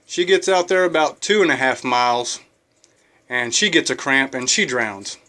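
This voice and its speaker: A man's voice: mid-range voice, lively intonation, moderate pace, pushed and bright. A man telling jokes casually to his viewers, folksy and full of filler uhs. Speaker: joke-telling vlogger.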